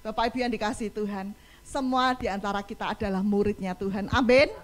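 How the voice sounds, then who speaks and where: A woman's voice: medium pitch, steady tone, quick pace. A woman pastor preaching a passionate sermon in church, acting out pleading cries for help. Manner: impassioned, acts out cries for help.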